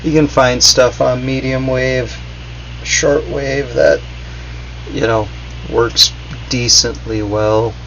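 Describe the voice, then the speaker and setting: A product reviewer with a medium-pitched, fairly bright voice speaks slowly while working at a basement workbench. His gadget review is unscripted and relaxed but wandering, tentative and noncommittal. The recording sounds dull, with a faint hum underneath.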